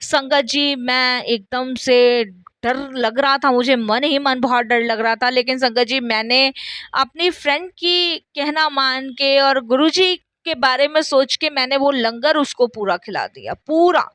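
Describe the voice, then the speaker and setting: High-voiced woman telling a devotional testimony. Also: unhurried, a bit bright, dry recording. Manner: addresses listeners repeatedly as sangat ji; acts out quoted dialogue in story. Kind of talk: first-person spoken testimony.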